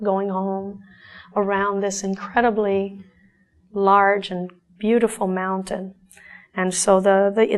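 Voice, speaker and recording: Middle-aged woman artist from Argentina, resonant and clear, halting and reflective delivery. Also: mid-range voice. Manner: thoughtful, halting, with frequent restarts. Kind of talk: speaking about her own artwork.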